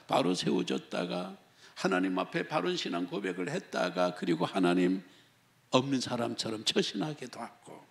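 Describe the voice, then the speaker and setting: A male pastor delivers a sermon in a strongly gravelly voice that sits a little high. He keeps firing rhetorical questions at his congregation and slips into first-person pleading to act out the story, his pitch swinging widely as he does. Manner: emphatic, asks rhetorical questions. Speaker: senior pastor.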